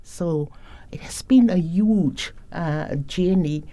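Slow, mellow woman in interview. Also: on the low side, no room sound. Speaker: education facilitator, interview guest. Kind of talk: reflective interview talk.

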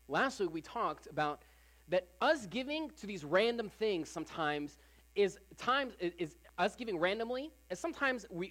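A preacher at a Sunday service, talking to the congregation in a relaxed, everyday way rather than a formal one. Phrases get repeated for emphasis, and "like" fills the gaps. The pitch sits in a middle range. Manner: casual, repeats phrases, frequent "like" fillers. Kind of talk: conversational sermon.

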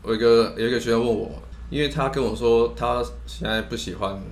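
A man's voice: mid-range voice, fairly even intonation, a little fast. A man with a Taiwanese accent co-hosting a casual advice chat, often repeating and rephrasing himself. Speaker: co-host. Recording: noticeable background noise.

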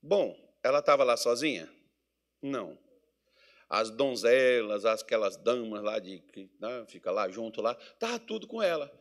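A man's voice: mid-range voice, a little slow. A man with a Brazilian Portuguese accent from Mato Grosso, preaching a sermon in a church meeting hall and asking the congregation questions. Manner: animated preaching with call-and-response questions to the congregation.

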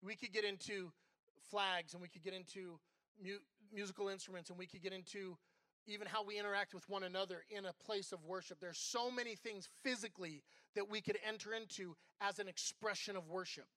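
Candid high-voiced man preaching. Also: steady tone, fairly quick, bright, forceful tone, no room sound. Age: middle-aged. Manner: conversational, candid preaching with personal stories. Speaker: associate pastor. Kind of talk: sermon.

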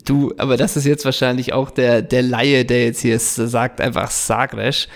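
Man, podcast co-host, gravelly voice, casual teasing banter, chatty tag questions. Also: mid-range voice, little pitch movement, moderate pace.

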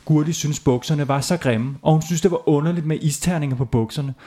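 A man narrating a playful children's bedtime story, animated and laughing at his own jokes. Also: fairly high pitch.

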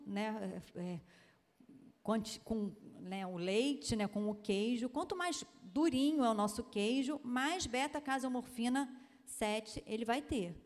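A woman doctor from Brazil lectures in a chatty, emphatic way, tossing in tag questions as she goes. Her voice sits a little high, and a long hall reverb trails behind it. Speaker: pediatrician giving a talk. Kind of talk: lecture-style talk with slides.

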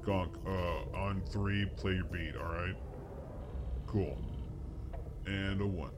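A man's voice: sits low, slow pace. A man co-hosting improvised comic role-play with crude, bantering chat. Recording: clearly noisy background.

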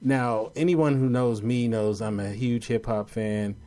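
A man from Los Angeles hosting an internet radio show, interviewing a guest in a relaxed, hesitant way with many fillers. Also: mid-range voice, a little slow, a little hiss or hum. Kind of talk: casual interview.

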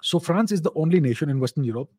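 Casting: male Q&A host, Indian accent, fairly high but soft-toned voice, opinionated and explanatory. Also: expressive, rapid-fire, breathy edge, dry recording, studio quality. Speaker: host of a live Q&A show. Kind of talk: informal geopolitical commentary answering viewer questions.

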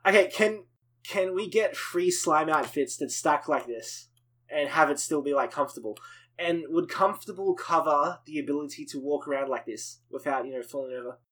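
Man, podcast guest, slightly high voice, playful riffing. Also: moderate pace, a bit bright. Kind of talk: casual podcast chat.

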